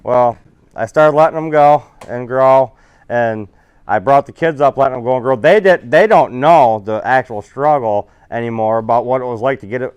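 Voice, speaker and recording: A man's voice: mid-range voice, a little mellow, clear, resonant tone, no echo, lo-fi sound. A man giving a casual, rambling, folksy seminar talk about fishing to an audience. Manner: rambling, folksy, self-correcting.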